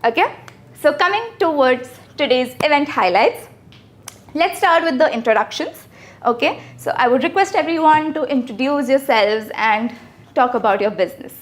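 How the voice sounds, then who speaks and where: A woman's voice: sits high, lively intonation, normal speed. A woman hosting a business networking event, talking conversationally and often checking in with the audience. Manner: conversational, asks the audience for agreement. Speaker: event host. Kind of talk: networking seminar talk.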